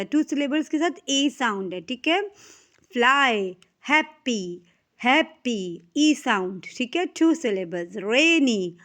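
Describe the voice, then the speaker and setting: A woman with a Pakistani accent teaching young children phonics, reading words aloud and checking understanding with frequent questions. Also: high-pitched. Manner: mixes English reading with Urdu-Hindi explanation, asks checking questions. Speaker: English teacher. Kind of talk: classroom lesson explaining phonics.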